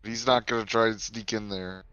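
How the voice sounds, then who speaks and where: A man's voice: lowish voice, steady tone, normal speed, pushed and bright, clean tone, no room sound, highs cut off. A man playing a tabletop game, chatty and explaining his character's moves, often correcting himself. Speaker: player.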